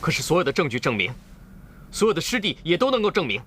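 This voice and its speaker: A man's voice: fairly high pitch, big pitch swings, quick pace, a bit bright, a little hiss or hum. An actor playing an earnest, stubborn young male disciple in a costume drama, insistent and pleading. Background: drama score music.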